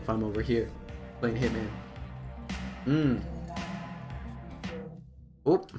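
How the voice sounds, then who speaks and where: A man's voice: lowish voice, slow pace, over music. A man doing casual, slangy live commentary on a video game, chatting to viewers and talking to himself and the game's characters.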